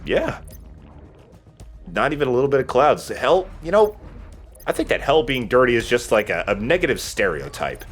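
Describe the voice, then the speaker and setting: A man hosts a let's play, joking and rambling casually as he plays the game while video game music runs in the background. His voice is medium-pitched and sing-song. He talks at a normal speed and pauses often.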